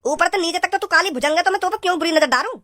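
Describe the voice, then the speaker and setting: A high, rapid-fire cartoon voice of a sneering rustic young man, played by a performer. He is dismissive and mocking, rattling off his taunts. A faint noise sits under the track. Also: pushed and bright. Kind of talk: cartoon comedy voice acting.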